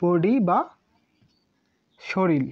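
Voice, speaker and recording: A Japanese language teacher patiently explains kanji in Bengali, going over each word several times in a repetitive drill. Her voice is fairly low and very slow. The recording sounds muffled and lo-fi.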